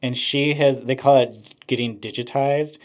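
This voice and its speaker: A man's voice: medium pitch, fairly even intonation, unhurried. A man, a podcast host, rambling through casual chat, with many "like" fillers. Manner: rambling, heavy use of "like" fillers.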